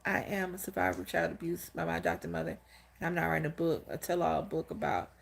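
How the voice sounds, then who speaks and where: A woman's voice: on the low side, fairly even intonation, quick pace, creaky, breathy edge. A woman in her fifties hosting a casual livestream, speaking candidly and telling stories straight to her viewers. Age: 50s. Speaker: channel host. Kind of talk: casual livestream talk greeting chat viewers.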